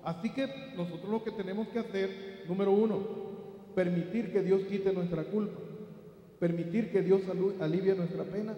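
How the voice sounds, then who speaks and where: A middle-aged Mexican man preaching a sermon as pastor, rising to emphatic peaks and dropping to soft asides. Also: high-pitched, dull audio. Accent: Mexican Spanish. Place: large church hall. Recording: very echoey church hall.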